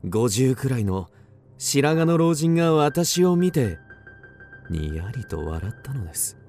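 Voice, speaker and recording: A man's voice: mid-range voice, sing-song, measured pace, darkish tone, soft background music. An actor playing an agitated, obsessed man recounting an eerie mystery in dramatic radio drama narration, with theatrical swings. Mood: haunted, suspenseful. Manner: suspenseful, theatrical, with sudden swings.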